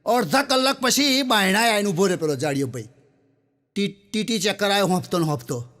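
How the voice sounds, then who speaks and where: A man's voice: sits high, expressive, brisk, fairly bright tone. A man doing a stand-up comedy set, chatting with the audience and telling joke stories, acting out the characters. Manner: chatty, addresses the audience as sir, acts out characters. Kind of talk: stand-up jokes and storytelling.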